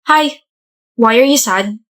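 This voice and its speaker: A woman's voice: a little high, slow pace, a bit bright. A young woman playing chatty college friends who trade playful banter in a skit. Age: young adult. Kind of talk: skit role-play.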